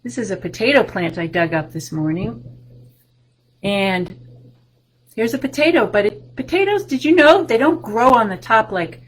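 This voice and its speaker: Speaking slowly in a warm sing-song full of big excited rises, a librarian in her sixties reads a picture book and shows plants to young children over a webcam from her bookshelf-lined room at home. Her pitch is fairly high with a breathy edge, and the recording is low quality.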